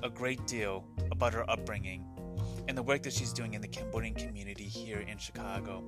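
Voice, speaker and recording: A man's voice: on the low side, fairly even intonation, fairly quick, loud music behind the voice. A man hosting a podcast interview, asking questions in an earnest, respectful way. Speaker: podcast host.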